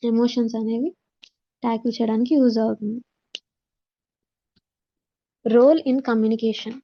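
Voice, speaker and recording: This instructor, a woman with a Telugu accent, works through a slide-based communication skills lesson, reading each point aloud before explaining it. Her voice sits on the high side with a dark tone and vocal fry, captured in dull, lo-fi audio.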